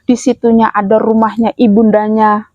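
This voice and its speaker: A woman host explains politely and haltingly, often pausing with fillers. Her voice sits fairly high. The recording is dry and dull. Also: little pitch movement, dry recording. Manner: polite, hesitant, many fillers and apologetic asides. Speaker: spiritual channel host. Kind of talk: casual explanatory talk.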